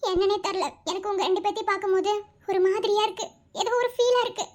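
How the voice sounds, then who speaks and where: Cartoon young girl voiced by a performer, earnest, high and quick, pleading through tears. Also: steady tone. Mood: tearful. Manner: pleading, emotional, tearful. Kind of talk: animated cartoon voice acting.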